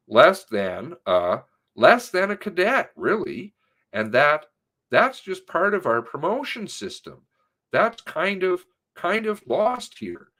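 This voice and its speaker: Reading through a spoken interview transcript with commentary, a man emphasizes certain words as he goes. He has a slightly high, somewhat bright voice.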